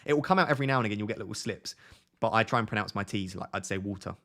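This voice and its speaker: This fantasy football streamer talks very fast in a fairly low, pushed and bright voice. He's an Essex man in his twenties whose accent is toned down, and his casual live-stream chat to viewers wanders off on tangents and restarts.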